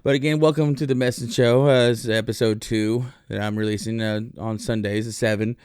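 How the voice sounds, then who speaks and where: A man's voice: medium pitch, fairly even intonation, fairly quick, darkish tone, smooth, dry recording, studio quality. A man hosting his own show, telling a rambling, profane story in a casual monologue. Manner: rambling, profane, lots of fillers. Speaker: podcast host.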